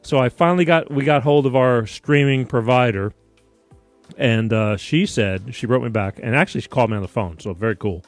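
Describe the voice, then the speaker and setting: A man from Connecticut, USA, hosts a live-streamed talk show, his mid-range voice moving a little fast with no room sound and faint music in the background. He rambles and digresses from one point to the next, often restarting and swearing casually.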